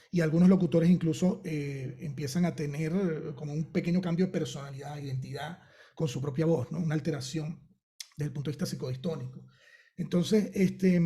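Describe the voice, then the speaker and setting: A man with a Venezuelan accent, a voice acting teacher who gives long, lively conversational answers with thinking fillers. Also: fairly high pitch. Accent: Venezuelan Spanish.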